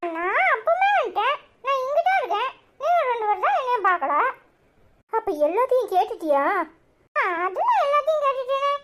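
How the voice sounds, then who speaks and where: Very high, defiant little cartoon boy with a Tirunelveli accent. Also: very animated, a little fast, noisy background. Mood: cheeky. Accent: Tirunelveli Tamil. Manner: defiant, cries and pleads by turns. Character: spirited young boy, fiercely loyal to his mother. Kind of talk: cartoon voice acting.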